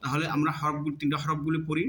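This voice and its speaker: A man teaching pronunciation in a slow lesson. He repeats each sound in drawn-out drills to show how it should be said. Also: fairly high pitch, monotone, pushed and bright. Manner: demonstrates sounds by drawn-out repetition. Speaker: teacher of Arabic letter pronunciation. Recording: echoey room.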